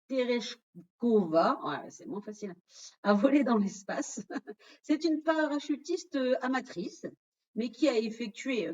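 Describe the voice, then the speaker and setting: A woman's voice: a little high, a little mellow, dull audio. A French-speaking woman presenting a quiz in an online webinar, addressing the audience directly and revealing the answers.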